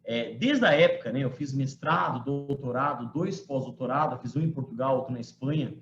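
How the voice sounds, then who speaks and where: Soft music plays as a medium-pitched man in his forties, a law professor from Brazil, lectures students online at a moderate pace in a fairly bright tone. He keeps things conversational, with frequent tag questions and emphatic quotes, and his computer mic on the video call from his home room makes the audio roomy and muffled.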